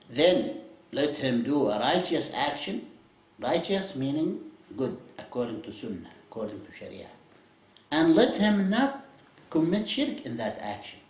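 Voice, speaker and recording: Male teacher, English lecture, lively with chuckles, mid-pitched voice, roomy echo. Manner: explains in English with Arabic phrases, asks "you see?", "okay?"; lively, chuckles at his own examples. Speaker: Islamic studies teacher. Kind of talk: classroom lecture. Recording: echoey lecture room.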